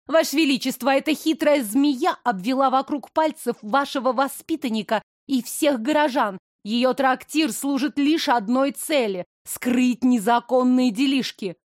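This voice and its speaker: A woman voicing a spiteful young blonde court lady who makes shrill, indignant accusations in an audiobook. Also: measured pace, few pauses, dry recording, studio quality. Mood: spiteful accusing.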